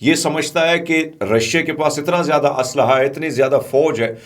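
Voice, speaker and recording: A man from Pakistan giving conversational news commentary, chatty and digressive, full of asides and fillers. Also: a little high.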